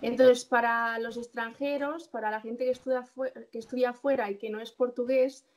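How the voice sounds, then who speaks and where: A woman's voice: on the high side, steady tone, moderate pace. A young woman in her twenties, a resident doctor being interviewed, explaining steps casually with many fillers and self-corrections.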